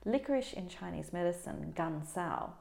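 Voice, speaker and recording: A woman practitioner of Chinese medicine, answering interview questions in an animated, explanatory way. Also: on the low side, moderate pace, gravelly, roomy sound. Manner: animated, explanatory, does dramatic quoted voices.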